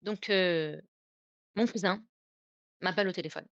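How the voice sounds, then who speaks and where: A woman's voice: fairly low pitch, unhurried, gravelly, no echo, highs cut off. A young woman telling a personal story on a livestream, emotional, repeating and restarting her words often. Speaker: guest storyteller.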